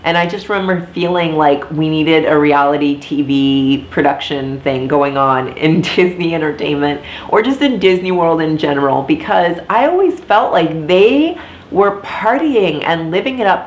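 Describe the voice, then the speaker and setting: Speaking at normal speed in a low, expressive voice, this Floridian woman in her thirties vlogs casually to camera with plenty of fillers and tangents. She once performed at a theme park, her voice has a slightly stuffy, nasal quality, and the echoey room carries slight background noise.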